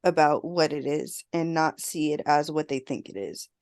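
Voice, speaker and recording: A woman therapist co-hosting a podcast in casual chat, a bit hoarse and clearing her throat as she loses her voice. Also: low-pitched, fairly even intonation, normal speed, a little mellow. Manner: conversational, reflective.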